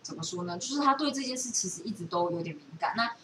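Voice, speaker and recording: This casual podcast chat features a Taiwanese-accented woman who thinks aloud and rambles. She speaks quickly in a mid-range voice with lively intonation, the sound roomy and picked up by a distant mic with faint background noise.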